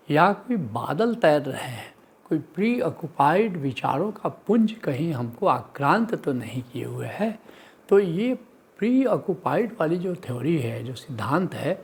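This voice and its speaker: A man giving a spiritual discourse as a teacher, listing points in a teaching cadence and chanting the sayings of saints in a slow sing-song. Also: a little high, very animated, slightly rough. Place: live teaching session.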